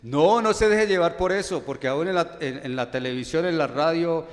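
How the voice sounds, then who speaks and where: Emphatic Colombian pastor in a reverberant hall. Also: male voice, a little high, moderate pace. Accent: Colombian Spanish. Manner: emphatic preaching with many rhetorical questions, loudness rising and falling. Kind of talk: sermon. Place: church hall. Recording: long church hall reverb.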